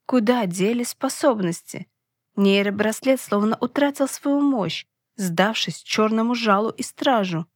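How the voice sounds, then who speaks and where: A woman's voice: fairly high pitch, no echo, studio quality. A woman reading a first-person fantasy audiobook, with dramatic, tense storytelling. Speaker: audiobook narrator.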